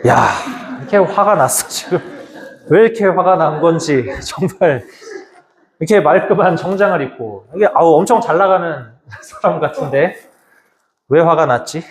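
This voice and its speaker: Priest in an echoey hall. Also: male voice, a little high, moderate pace. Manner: conversational, vividly retelling with quoted voices. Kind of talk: Lenten lecture, storytelling.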